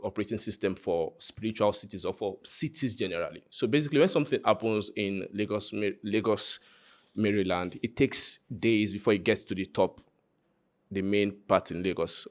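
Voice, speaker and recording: A man's voice: on the low side, fairly quick. A Nigerian man giving an informal, conversational live presentation of his project, joking and speaking directly to his listeners. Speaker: content creator presenting a hackathon project.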